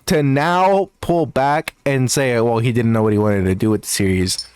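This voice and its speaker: A man's voice: mid-range voice, normal speed, a little mellow, smooth, dry recording. A man giving casual reaction commentary, loose and filler-heavy, laughing and swearing as he mocks.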